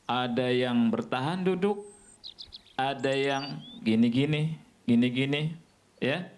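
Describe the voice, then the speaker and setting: A man from Indonesia teaching a religious lesson to children, asking them questions and answering them himself in an animated way. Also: mid-range voice, takes it slowly, a little hiss or hum.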